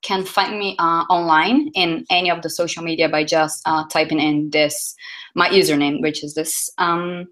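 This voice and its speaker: A woman gives a live conference talk, speaking in a fairly low register. She talks in a chatty, loose way, filling gaps with um and uh and often backing up to fix a word. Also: steady tone, normal speed, fairly bright tone. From Brazil. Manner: chatty, self-correcting, lots of fillers.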